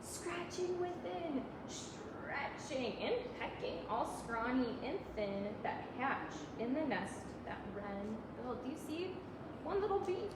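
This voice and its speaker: A children's librarian leads story time, her high, sing-song voice moving slowly as she reads aloud to preschoolers and keeps asking them questions in simple, child-directed language. The room is very echoey, the mic sits far away, and there's plenty of noise.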